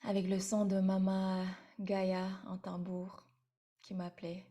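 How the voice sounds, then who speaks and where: Slow, mellow woman giving a meditative spiritual talk. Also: medium pitch, monotone. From Vietnam. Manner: halting, meditative, with many hesitations and repeated words. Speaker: spiritual teacher leading a sharing circle. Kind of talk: spiritual talk to an online audience.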